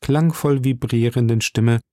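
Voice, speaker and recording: A man narrating a classic novel as an audiobook, in a steady, measured reading. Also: mid-range voice, no room sound, studio quality.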